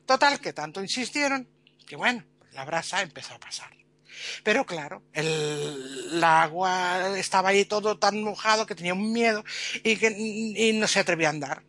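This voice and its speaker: Bright-voiced woman telling a folk tale. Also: mid-range voice, normal speed, no echo. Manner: lively, with sound words. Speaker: storyteller.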